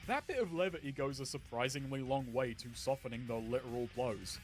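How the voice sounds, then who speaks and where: A man reading a scripted game review in a measured, wry way. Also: medium pitch, faint music behind. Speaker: video reviewer.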